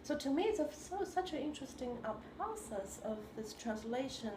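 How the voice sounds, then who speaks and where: A woman from China who speaks English, a composer answering interview questions in a thoughtful, halting way and searching for her words. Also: sits high. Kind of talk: reflective conversation. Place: room in New York. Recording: roomy sound with steady background noise.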